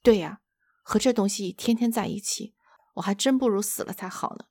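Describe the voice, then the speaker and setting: A woman's voice: medium pitch, moderate pace, warm tone, slightly rough, dry recording, studio quality, close to an everyday voice. A woman voicing a petulant, torn male ghost in a storybook retelling, indignant and despairing. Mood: resigned.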